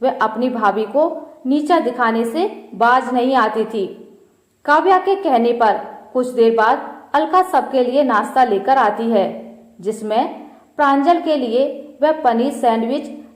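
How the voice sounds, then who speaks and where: A woman narrating a moral family story in a measured storybook style. Her voice is high and her pace unhurried, with a roomy echo around her.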